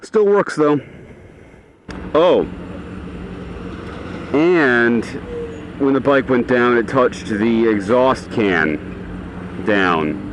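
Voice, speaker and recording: A man's voice: medium pitch, expressive, extremely slow, pauses often. Man talking inside a motorcycle helmet, noisy. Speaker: motorcycle vlogger. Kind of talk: casual rambling vlog talk. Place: outdoors on a motorcycle in traffic. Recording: engine and road noise, inside a helmet.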